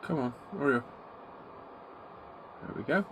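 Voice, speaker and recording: This middle-aged man speaks at a measured pace in an animated, medium-pitched voice during a casual live stream from his hobby room, greeting viewers by name. He's stuffed up from an oncoming cold, and there's noise in the background.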